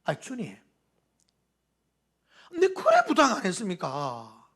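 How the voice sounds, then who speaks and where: An aggrieved father with a thick Gyeongsang accent, as a pastor plays him in a sermon, his complaint climbing high and swooping wildly. He sounds half-laughing and half-pleading. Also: wildly swooping pitch, takes it slowly, a bit bright, breathy edge, full character voice. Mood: exasperated complaint. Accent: Gyeongsang dialect.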